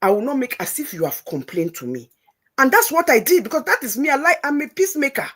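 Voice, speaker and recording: High-voiced and fast-talking, this show host has a fairly bright tone and big swings in pitch. She is a middle-aged woman whose English carries a Nigerian Pidgin tinge, and she animatedly recounts a story, voicing her earlier words in quotes in an emphatic, motherly way.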